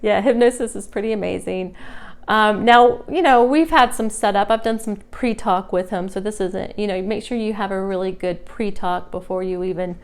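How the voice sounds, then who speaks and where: A woman with a clear, smooth voice gives an informal demonstration lesson as an instructor. Her delivery is conversational and explanatory, with stressed key words, at a middling pitch. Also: normal speed. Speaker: hypnosis instructor.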